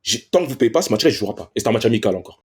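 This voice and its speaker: Man, footballer interview guest, husky voice, casual storytelling, slangy, animated, acts out other people. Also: fairly low pitch, very fast. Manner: slangy street French.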